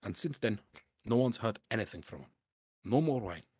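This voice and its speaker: A man voicing a stingy, gruff male merchant with a Scottish accent that drifts toward Irish. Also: fairly low pitch, expressive, normal speed, darkish tone, no echo, clean studio sound. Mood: scheming.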